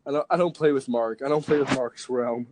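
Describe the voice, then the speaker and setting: A man's voice: mid-range voice, fairly quick, darkish tone, slight background noise, low-quality recording. A young man co-hosting a podcast, rambling jokily in casual chat and filling his talk with "like". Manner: rambling, jokey, lots of "like". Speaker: podcast co-host.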